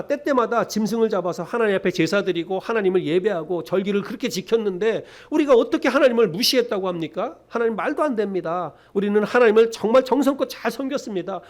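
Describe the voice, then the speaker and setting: A man's voice: sits high, voice pushed up. A man preaching a sermon who voices the ancient Israelites, who protest indignantly that they served God faithfully. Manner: protesting, self-justifying.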